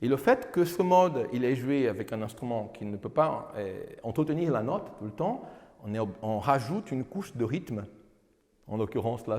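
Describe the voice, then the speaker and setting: A man's voice: medium pitch, warm tone. A man giving a lecture, explaining rhythm by counting beats, with frequent restarts, and now and then singing verses to illustrate. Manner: explains with counting and sung examples, many restarts. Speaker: lecturer and singer demonstrating cantoria. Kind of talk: lecture with sung guitar demonstration. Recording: lecture hall with long reverb, guitar.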